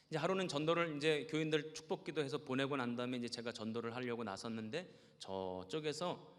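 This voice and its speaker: A male pastor preaching a sermon in a seminary chapel, telling stories in an animated way that swings from hushed to loud. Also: medium pitch. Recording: echoey hall.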